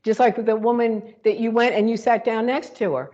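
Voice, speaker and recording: A woman's voice: on the high side, fairly even intonation, fairly quick, a little mellow, highs cut off. A woman co-hosting a spiritual talk show, reflecting aloud in a rambling way with many fillers and restarts. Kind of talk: casual spiritual conversation.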